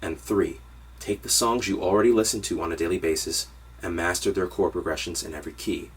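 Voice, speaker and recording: Low-voiced man teaching piano harmony. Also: fairly even intonation, fairly quick, husky, recorded from a distance. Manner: upbeat, direct instructional delivery. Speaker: music teacher. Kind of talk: online piano harmony lesson.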